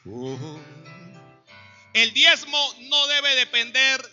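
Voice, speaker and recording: A man preaching a sermon, calling on the congregation to answer back and rising to loud exhortations. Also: very high-pitched, big pitch swings, very slow. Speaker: pastor. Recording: dull lo-fi recording with faint music.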